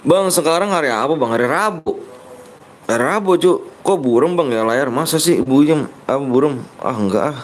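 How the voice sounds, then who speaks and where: A man's voice: on the high side, lively intonation, normal speed. A man streaming a mobile game live, chatting in slang and reading out viewers' messages. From Indonesia. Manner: slangy, joking, reads viewers' chat aloud. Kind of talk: casual live-stream chat.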